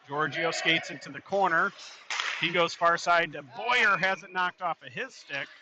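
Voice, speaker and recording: A man doing running play-by-play commentary for a youth hockey game, steady in tone and rising sharply on shots. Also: fairly high pitch. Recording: noisy arena ambience.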